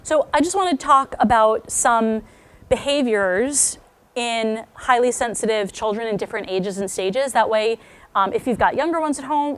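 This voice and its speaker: A middle-aged woman talks frankly with a group of parents in a loose, conversational way. Her speech is full of fillers like "you know", and she sometimes drops to a hushed near whisper for personal asides. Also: on the high side. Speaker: parenting talk speaker. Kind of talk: parent talk to a live group.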